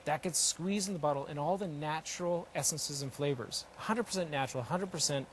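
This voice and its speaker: A man's voice: on the high side, fairly quick, slight background noise. A man demonstrating his own invention live, explaining it step by step with emphatic repetition. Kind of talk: unscripted live product demonstration.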